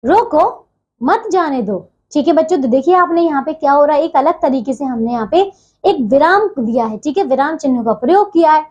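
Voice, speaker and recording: High-voiced woman teaching children grammar. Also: animated, fast talker, darkish tone, lo-fi sound. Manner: patient, repeats "theek hai bachchon" constantly. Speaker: school Hindi teacher. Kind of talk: online grammar lesson for children.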